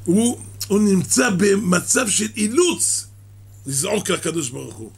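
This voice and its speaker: A man giving a sermon that explains a midrash, halting and restarting his words and coughing now and then. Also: high voice, sing-song, vocal fry, husky. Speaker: religious teacher.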